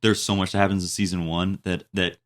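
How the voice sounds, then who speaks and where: A man's voice: deep voice, little pitch movement, a little fast. A man in his twenties co-hosting a podcast in casual chat, rambling with plenty of fillers and restarts. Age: 20s. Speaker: podcast co-host.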